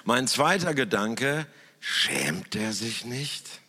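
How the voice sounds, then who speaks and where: Slow, reflective man in an echoing hall. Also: mid-range voice, husky. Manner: slow, thoughtful, with lively emphasis and long pauses. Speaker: speaker who works in church television. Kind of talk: reflective talk in front of an audience. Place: stage in a hall. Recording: long hall reverb.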